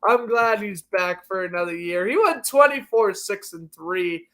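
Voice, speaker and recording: A man's voice: high voice, expressive, a little slow, pushed and bright. A man hosting a sports show, calling hockey play-by-play and chatting casually with filler words and restarts.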